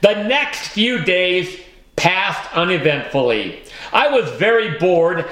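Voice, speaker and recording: A man reads a children's audiobook in the first person, taking his time. His voice is fairly high and bright, and his manner is wry. The recording has a roomy echo around it. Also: very animated, takes it slowly. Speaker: audiobook narrator.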